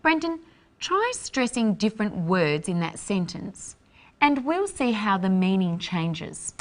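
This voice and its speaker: A woman hosts an English lesson, speaking slowly and clearly as she explains phrases. Her pitch moves up and down a great deal. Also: big pitch swings. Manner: clear, deliberate teaching delivery. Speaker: English teacher host. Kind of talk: scripted lesson narration.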